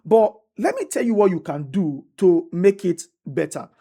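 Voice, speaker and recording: A woman's voice: lowish voice, big pitch swings, moderate pace, mellow, slightly rough. A woman teaching a tutorial step by step, often repeating herself and checking in with "right?". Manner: repetitive, restates each step, asks "right?". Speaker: instructor. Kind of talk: screen-recorded tutorial walkthrough.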